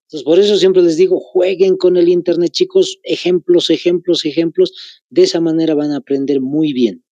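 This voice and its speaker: A man with a Bolivian Spanish accent teaching a grammar lesson, slowly repeating phrases so students can take notes. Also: a little high, fairly even intonation, mellow, no room sound, muffled recording.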